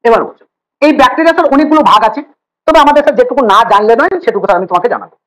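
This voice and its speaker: Male biology tutor, rapid-fire delivery, playful teasing, repeats himself while explaining. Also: extremely high pitch, animated, a bit bright, low-quality recording. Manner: teasing, joking banter with students; rapid, repetitive explaining with fillers. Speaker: biology teacher. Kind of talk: casual online class lecture.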